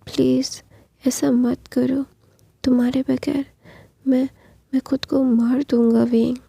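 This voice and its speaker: A woman's voice: sits high, little pitch movement, slow, gravelly, mellow, husky, no echo, full character voice. A woman voicing a possessive, devoted young husband in whispered role-play, pleading and threatening in turn. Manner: pleading then menacing.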